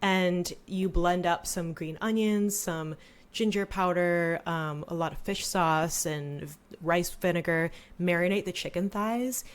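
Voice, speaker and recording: A woman's voice: on the low side, measured pace, smooth. A woman in her thirties co-hosting a podcast, chatting casually with lots of fillers. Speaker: podcast co-host. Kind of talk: casual chat.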